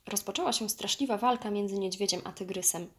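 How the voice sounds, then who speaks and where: Female narrator, mid-pitched, lively children's story reading. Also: fast talker.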